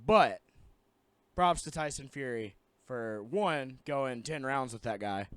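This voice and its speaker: A man's voice: medium pitch, expressive, takes it slowly, fairly bright tone, no room sound. A man co-hosting a casual podcast, bantering in a goofy, joking way. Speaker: podcast co-host. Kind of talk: casual chat.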